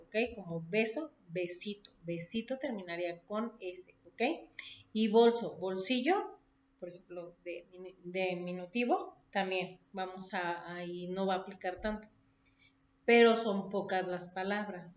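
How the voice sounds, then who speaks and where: A woman's voice: mid-range voice, slight background noise. A woman teacher giving a recorded lesson, listing words one by one and checking in with her listeners after each point. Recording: dull echoey room recording.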